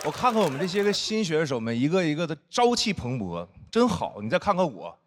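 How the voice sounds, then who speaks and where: Man, stand-up comedian on stage, lively mimicking delivery, noisy live recording. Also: on the high side, a little fast, crowd noise. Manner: animated, acts out friends' teasing voices. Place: stage before a live audience. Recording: noisy live show audio. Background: audience laughter.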